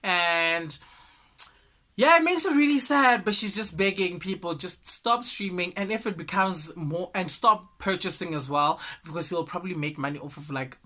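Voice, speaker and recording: Chatty South African celebrity news host. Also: male voice, high-pitched. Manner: chatty, animated, gossipy asides. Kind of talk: casual celebrity news commentary.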